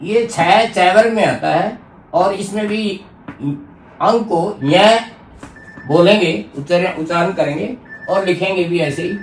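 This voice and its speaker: A man with a somewhat high voice teaches a grammar lesson at a very slow, deliberate pace. He repeats example words carefully to show how they are pronounced. He is recorded from a distance in an echoey room with faint background noise.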